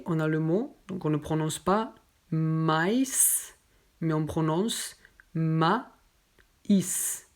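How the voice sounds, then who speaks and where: A woman teaching pronunciation, patiently spelling out sounds and pausing with fillers. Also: sits low, a little mellow. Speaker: French teacher. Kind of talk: pronunciation lesson.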